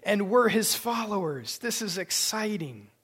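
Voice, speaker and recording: A man preaching a sermon with emphatic delivery, dropping to hushed near-whispers on key words. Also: high voice, animated, unhurried, husky. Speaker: pastor.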